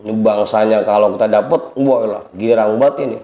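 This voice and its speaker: A man with a Betawi Indonesian accent teaching a casual religious study circle, joking with his listeners and reading Arabic passages slowly. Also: lowish voice, steady tone, lo-fi sound. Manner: joking, chatty with the congregation, reads Arabic slowly. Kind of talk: informal religious lesson. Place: prayer hall. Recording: echoey hall.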